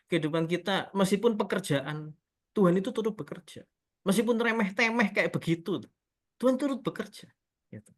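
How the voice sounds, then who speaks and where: A man telling a testimony story in a relaxed, conversational way, often addressing his listeners as friends. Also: sits high, a little fast. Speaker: speaker giving a testimony.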